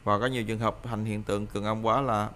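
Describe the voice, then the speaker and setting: A man's voice: lowish voice, level tone, fast, fairly bright tone. A man teaching a pronunciation lesson, explaining each point and repeating example words for the listener to drill, with frequent hesitant fillers.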